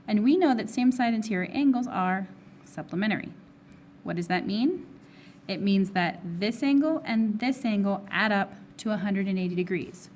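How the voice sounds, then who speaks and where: A woman teacher with a hoarse, fading voice, working step by step through a recorded math review and asking herself questions before answering them. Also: mid-range voice, a little mellow, a little hiss or hum. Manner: steps through problems, asking and answering her own questions. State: hoarse, losing her voice, with coughs. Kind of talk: recorded test review lesson.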